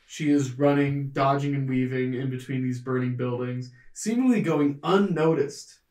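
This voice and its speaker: A man narrating a tabletop game as game master, in a measured, descriptive storytelling manner. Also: mid-range voice, darkish tone, distant mic. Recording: roomy, mic set back.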